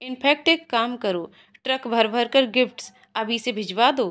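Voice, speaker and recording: A woman's voice: a little high, normal speed, fairly bright tone, natural voice. A woman storyteller voicing a sulky, bashful young wife who talks in a huffy, pouting way.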